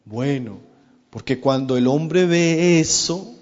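High-voiced preacher in a reverberant hall. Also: male voice, darkish tone. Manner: earnest preaching with slow, drawn-out emphasis on quoted verses; addresses listeners as brothers. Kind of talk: sermon. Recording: dull reverberant hall sound.

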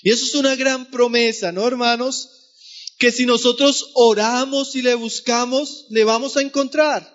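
A man's voice: very high-pitched, steady tone, moderate pace, a bit bright, muffled recording. A man preaching a sermon, earnestly calling his listeners brothers. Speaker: pastor.

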